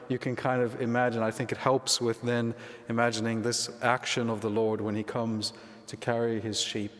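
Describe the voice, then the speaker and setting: A man, a priest, reading the gospel and preaching in a measured, reflective way, his voice ringing with a cathedral-like echo. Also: medium pitch. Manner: measured, reflective, conversational asides. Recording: long echoing church reverb.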